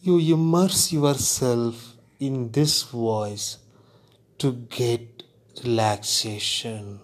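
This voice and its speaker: Very slow, calm man guiding meditation. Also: mid-range voice. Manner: unhurried, deliberate delivery with long pauses between short phrases. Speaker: guided meditation instructor. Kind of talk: guided relaxation narration.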